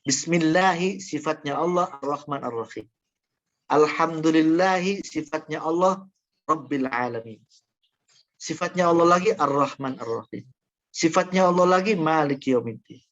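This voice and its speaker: A man with a fairly high voice lecturing a class, working through examples and often stopping to restart his sentences. The sound is dull and lo-fi, as if from a classroom recording. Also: moderate pace, a bit bright. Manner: explains through examples with frequent fillers and restarts. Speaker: university lecturer. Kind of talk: classroom lecture on Quran interpretation.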